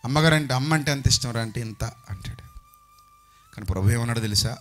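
A man preaching a sermon into a handheld microphone, impassioned, rising to loud outbursts and dropping to near-whispers. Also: mid-range voice, fast talker, soft background music.

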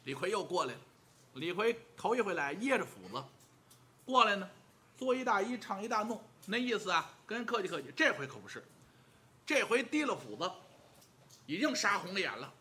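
Lively storyteller man. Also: high voice, fairly quick. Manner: lively, vivid and humorous. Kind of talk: traditional pingshu storytelling.

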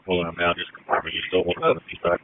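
A man's voice: deep voice, monotone, racing, slight background noise. An American man giving brief emergency messages over a two-way radio. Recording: thin, narrow two-way radio channel.

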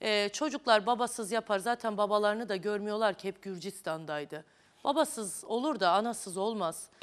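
A woman's voice: mid-range voice, normal speed. A woman hosting a daytime talk show, questioning guests and walking them through events step by step in a television studio. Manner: probing, reasoning step by step.

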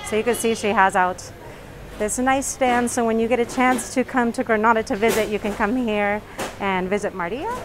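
A woman's voice: on the high side, moderate pace. Woman muffled by a face mask, noisy market. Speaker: local tour guide vlogger. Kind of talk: casual walking tour narration. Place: covered market and its entrance. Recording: noisy handheld recording with market ambience.

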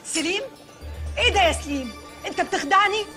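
A haughty princess and pasha's wife speaks in a very high, bright voice. She sounds indignant and grand, and her lines come quickly, with faint music behind.

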